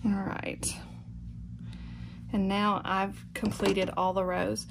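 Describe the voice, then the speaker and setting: A middle-aged woman, working as a quilting instructor, narrates a casual step-by-step craft tutorial and thinks aloud as she goes. Her mid-range voice is flat and slow. The recording, made indoors in a home sewing room, is clearly noisy.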